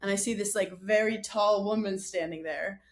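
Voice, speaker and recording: A young adult woman, a podcast guest chatting casually, telling stories in an animated, self-mocking way. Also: medium pitch, moderate pace. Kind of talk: casual chat.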